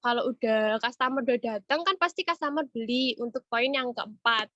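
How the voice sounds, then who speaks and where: A woman's slightly high voice sounds pushed and bright at normal speed as she gives a casual retail training webinar despite a cold and cough, often checking in with listeners. The recording is dry, with muffled, dull online-meeting quality.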